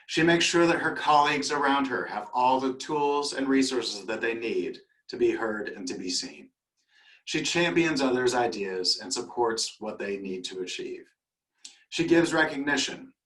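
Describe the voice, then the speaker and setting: A man's voice: mid-range voice, a bit bright. Formal man presenting an award, roomy echo. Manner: measured, formal reading.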